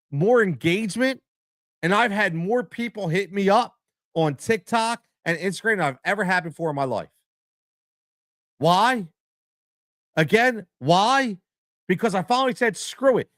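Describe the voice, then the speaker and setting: Middle-aged philly guy ranting on a live stream, kinda high voice, dry close mic, keeps restarting. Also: no echo. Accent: Philadelphia. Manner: animated, repetitive, stammering restarts. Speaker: show host.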